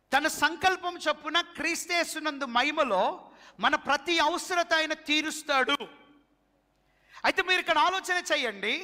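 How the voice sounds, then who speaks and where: A male pastor with a Telangana accent preaching a sermon, animated and calling on the congregation to answer back. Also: extremely high pitch, in a large hall. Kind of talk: sermon with live demonstration.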